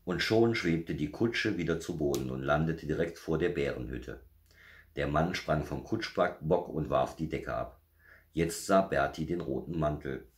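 A man reading a children's bedtime story aloud with gentle, measured pacing. His voice is extremely low and calm.

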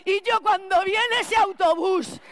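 A woman playing a scatterbrained, chatty school cleaner in a clown stage monologue, rambling with restarts and loud outbursts. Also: very high-pitched, takes it slowly, no room sound, exaggerated voice. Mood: exasperated rambling. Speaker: clown performer.

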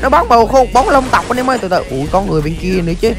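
A game streamer, giving excitable play-by-play commentary to viewers with rapid-fire exclamations. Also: medium pitch, soft background music. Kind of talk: live gameplay commentary.

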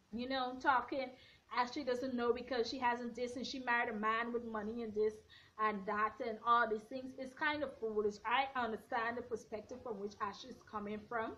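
A young woman in her twenties, her high voice a bit hoarse, gives a blunt, sassy, opinionated recap of a reality show from her bedroom at home. She gestures animatedly while filming on a front camera held at arm's length, and the lo-fi webcam audio sounds dull.

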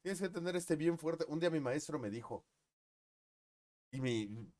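A man's voice: fairly high pitch, animated, measured pace, darkish tone. A man with a Mexican accent, a streamer, ranting in a profane, mocking way. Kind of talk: casual rant.

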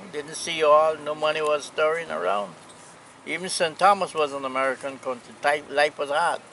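A man in his eighties from Anguilla with a Caribbean accent, reminiscing casually in an unhurried, plainspoken way. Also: fairly high pitch, fairly bright tone, rough recording. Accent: Anguillan Caribbean English. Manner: unhurried, plainspoken old seaman's talk with pauses. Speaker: retired sea captain, interviewee. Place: outdoors on a seaside hillside. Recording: outdoor camera audio with noise.

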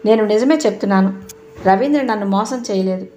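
A woman narrator voicing a frightened, grieving young woman who answers in hurried denials. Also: medium pitch, warm tone, lightly acted. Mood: pleading.

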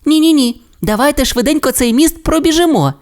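A man voicing an excitable young male troodon dinosaur in a storybook, in an eager, squeaky, rushing way. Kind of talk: storybook voice acting.

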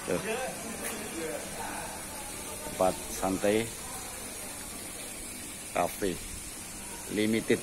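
A man with a low voice gives a leisurely walk-through of a cafe, filling pauses with easy "ya"s. It is recorded on a handheld phone, and clear ambient noise runs behind him. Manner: slow, relaxed commentary with frequent "ya" fillers. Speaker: vlogger touring a cafe. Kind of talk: casual walking tour vlog. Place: outdoor cafe grounds and indoor dining hall.

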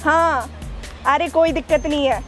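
Young woman pranking her mom on the phone, super high squeaky voice, all giggly and gushy, music going underneath. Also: steady tone, a little slow, a bit bright. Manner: gushing, teasing, giggly. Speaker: prank video host.

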